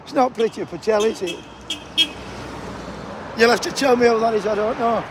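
High-voiced Yorkshire man on a noisy roadside. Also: normal speed. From Sheffield, England. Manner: chatty, joking banter with passers-by, swears freely. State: cold. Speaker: striking postal union picketer. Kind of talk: casual vlog chat. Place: outdoor picket line by a busy road. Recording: noisy roadside traffic outdoors. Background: passing traffic.

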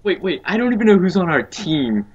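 A man's voice: high voice, sing-song, a little fast, lo-fi sound, heavy background noise. A flustered man complaining while steering a ship in an online game. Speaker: gamer. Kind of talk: casual multiplayer banter.

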